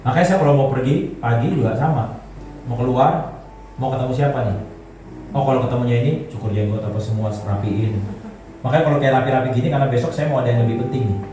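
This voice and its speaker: A man's voice: medium pitch, fast talker, background noise. A man, a pastor, giving a joking and conversational sermon to a congregation and leading them in gestures. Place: large church hall. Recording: echoey hall, voice from far off, faint music.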